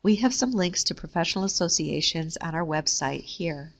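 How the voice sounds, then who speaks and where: A woman reading a scripted careers lesson in a steady, measured way. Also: fairly low pitch, vocal fry. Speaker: career services presenter. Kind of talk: scripted instructional narration.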